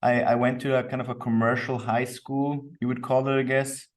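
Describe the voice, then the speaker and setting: A co-founder from Austria, guesting on a podcast, lays out his ideas in a relaxed, reflective tone. He has a medium-pitched voice with flat delivery at a moderate pace, and is heard through a distant microphone.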